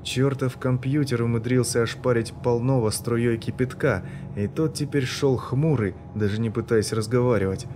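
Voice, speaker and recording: Male narrator for sci-fi audiobook; steady, even read, medium pitch. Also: moderate pace, hardly any pauses, over music. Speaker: audiobook reader. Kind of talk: scripted narration.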